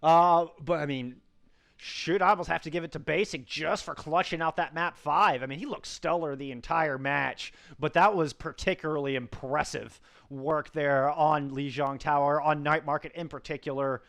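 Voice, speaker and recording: A man co-casting an esports match, excitable and full of hype as he wraps up and thanks the chat. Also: on the high side, moderate pace, gravelly. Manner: excitable, hyped, shouts of praise. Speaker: esports co-caster. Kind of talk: esports post-match commentary.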